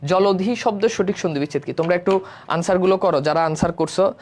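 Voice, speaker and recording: A man's voice: sits high, fast talker, darkish tone. A man teaching a live online exam-prep class. He explains each answer step by step, often checks in with his students, and mixes English words into his speech.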